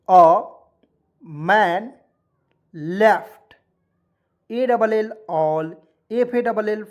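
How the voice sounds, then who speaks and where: A man's voice: high voice, darkish tone. A man teaching English in Hindi as an online lesson. He spells each word letter by letter, then says it, and often checks that the listener is following.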